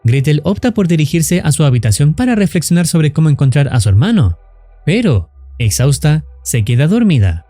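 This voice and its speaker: In a dry recording with quiet music underneath, a man narrates a scripted horror story recap. He speaks at a steady, moderate pace, and his voice is bright but restrained, with pitch that swings in a lively way.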